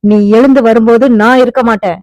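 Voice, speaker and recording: A woman's voice: on the high side, fairly even intonation, fairly quick, darkish tone, no room sound, close to an everyday voice. A woman voicing a desperate young husband. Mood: pleading. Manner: pleading then commanding. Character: anguished young husband, fierce when roused. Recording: dull, muffled audiobook recording.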